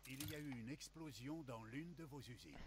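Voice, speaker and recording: A man voicing a formal male announcer in a strategy game, reading measured alerts. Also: medium pitch, close to an everyday voice.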